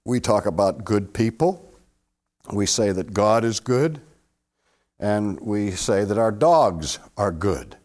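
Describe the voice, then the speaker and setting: A man giving a classroom theology lecture to a live audience, questioning listeners and swinging between loud emphasis and hushed low asides. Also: expressive, slow pace.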